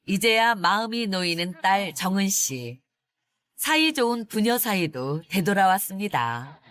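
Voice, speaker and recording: Lively woman narrating a documentary. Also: mid-range voice, a little slow, dry recording.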